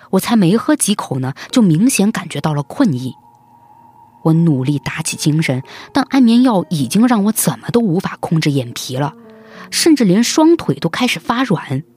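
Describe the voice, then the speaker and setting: A man narrating a first-person story in an expressive, suspenseful, dramatic manner. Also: on the high side, husky.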